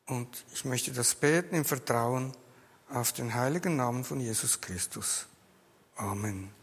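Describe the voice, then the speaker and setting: Slow-speaking man leading prayer in a hall. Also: medium pitch, breathy edge. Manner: measured, unhurried, earnest. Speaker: pastor or service leader. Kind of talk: prayer and service moderation.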